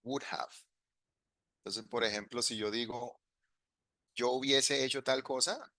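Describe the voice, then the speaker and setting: A man's voice: mid-range voice, bright, forceful tone, no room sound, clean studio sound. A man teaching an online English grammar class, explaining step by step and switching between Spanish and English examples.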